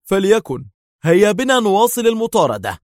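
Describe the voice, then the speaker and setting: A man doing a harsh, high-pitched police officer. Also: big pitch swings, fairly quick, no echo, studio quality. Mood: resolute. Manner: harsh, commanding. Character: stern angry male police officer, a hunter.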